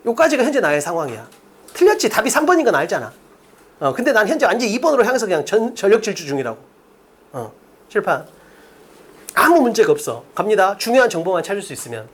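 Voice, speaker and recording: Brisk, lively woman teaching exam English. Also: fairly high pitch. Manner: brisk and emphatic, asks questions and answers them herself; acts out quoted speakers in a raised voice. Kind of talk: exam-prep lecture at a blackboard.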